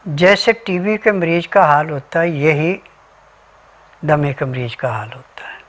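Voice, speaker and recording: A man's voice: a little high, unhurried, a bit bright. A man giving an instructional health talk as a remedy advisor, methodically listing ingredients and diet rules step by step.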